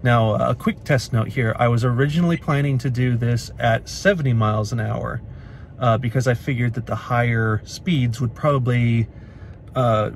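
Sitting in his car at night, a Pacific Northwest man in his thirties vlogs into a phone camera at arm's length. His mid-range voice is gravelly, with a bit of hiss or hum, and he chats in a matter-of-fact way, full of uhs.

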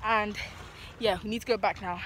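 A teenage girl from the UK, chatting excitedly and giggling through a casual travel vlog. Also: mid-range voice, normal speed. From United Kingdom. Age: teens. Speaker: vlogger. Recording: loud background noise.

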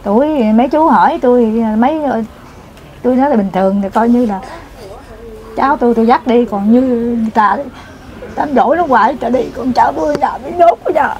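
An older woman, a grandmother telling her story in a halting, rambling way during an emotional interview. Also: a little high, a little mellow, muffled recording. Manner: rambling, halting, repeats herself. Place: village, outdoors.

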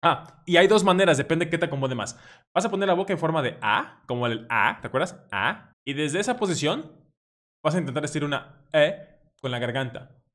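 A man's voice: on the high side, expressive, brisk, a bit bright. A man whose first language is Spanish, teaching English pronunciation and drilling vowel sounds with many repetitions. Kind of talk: pronunciation lesson.

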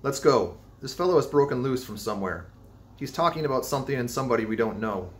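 A man's voice: medium pitch, lively intonation, fast, natural voice. A man voicing a wary, skeptical young male sailor who asks blunt questions.

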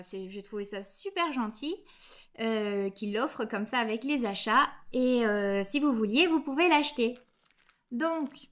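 Chatty woman, slightly high voice. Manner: chatty, enthusiastic, many fillers and restarts. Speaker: knitting podcast host. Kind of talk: casual show-and-tell chat.

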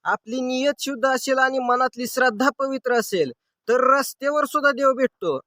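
Earnest high-voiced male devotional storyteller. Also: fairly bright tone, no echo. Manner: earnest, preaching. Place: outdoors in the sun.

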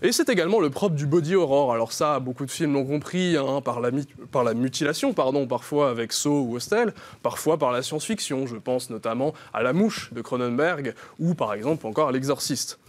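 Young male columnist, playful salesman tone, hesitant fillers, mid pitch. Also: animated, a little fast, few pauses. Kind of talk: mock sales pitch commentary.

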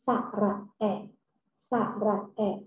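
A woman teaching a recorded kindergarten homework lesson, slowly and patiently repeating each step for small children to follow. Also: darkish tone, echoey room, poor audio.

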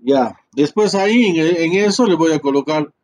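A man's voice: on the high side, lively intonation, normal speed, a little mellow. A man teaching a class through a screen-share tutorial, talking in a chatty way with many fillers and tag questions.

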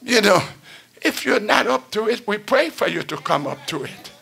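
An older man preaching at a church pulpit, chanting and shouting in a sing-song call-and-response style. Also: high-pitched, very animated, moderate pace, vocal fry, breathy edge. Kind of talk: chanted Pentecostal sermon. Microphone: pulpit stand mic.

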